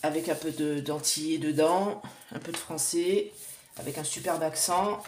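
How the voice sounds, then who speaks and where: A woman's voice: sits low, normal speed, darkish tone, a little hiss or hum. A woman in her forties doing a casual oracle card reading, chatty and hesitant, talking straight to her viewers. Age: 40s. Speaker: psychic card reader.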